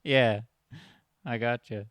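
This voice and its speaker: A man's voice: mid-range voice, fairly even intonation, slow pace, fairly bright tone, dry recording. A man hosting a podcast in an informal, chummy, conversational way. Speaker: podcast host. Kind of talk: casual chat.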